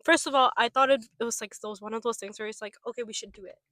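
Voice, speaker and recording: A woman's voice: fairly high pitch, fairly even intonation, very fast, sharp tone, dry recording. A young woman as a podcast guest, talking in a reflective, casual way full of "like". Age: young adult. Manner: reflective, lots of "like" and quoted inner thoughts. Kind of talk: casual chat. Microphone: podcast mic.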